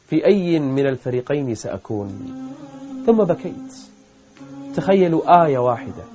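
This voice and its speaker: A man delivers a fervent sermon in a somewhat high voice, pushing hard on his key words. The recording is dull and lo-fi. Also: darkish tone. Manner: impassioned, rising to emphatic peaks. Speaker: preacher. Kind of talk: emotional sermon with Quranic recitation.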